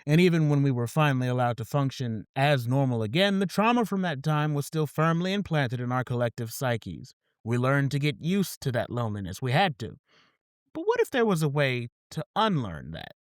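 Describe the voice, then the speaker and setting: A man's voice: medium pitch, big pitch swings, moderate pace, clean tone, no echo. Casual male podcast host, dry sound. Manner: casual, often repeats "absolutely". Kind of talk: scripted opening then casual interview.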